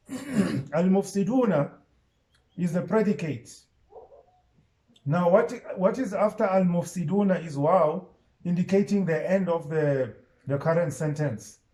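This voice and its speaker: A man's voice: a little high, unhurried, long pauses, mellow, low-quality recording. A man teaching an online Islamic studies and Arabic class, explaining step by step and quizzing his students.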